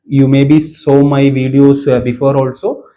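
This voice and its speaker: A man's voice: mid-range voice, little pitch movement, unhurried, warm tone, slight background noise. A man with a Malayali Indian accent, a native Malayalam speaker, teaching an informal exam-revision lecture, emphatically repeating key words and checking for understanding. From Kerala, India. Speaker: medical exam coaching teacher.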